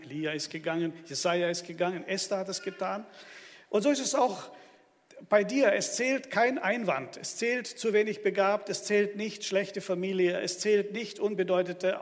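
Emphatic preacher, high voice, church echo. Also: male voice. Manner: lively, emphatic preaching to the congregation. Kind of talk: sermon. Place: church hall. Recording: long church hall reverb.

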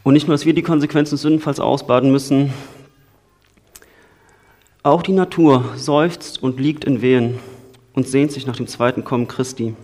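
A man from the Cologne area, giving an informal sermon in a conversational way, moving between lively storytelling and quiet earnestness. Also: mid-range voice, normal speed, long pauses. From Cologne area, Germany. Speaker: preacher.

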